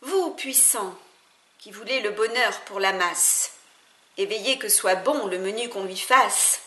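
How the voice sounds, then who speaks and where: A woman reading a translated poem aloud in a theatrical recitation, her voice swelling louder on the exclamations. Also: medium pitch, unhurried. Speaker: poetry reader. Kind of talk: dramatic poetry recitation. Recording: echoey room.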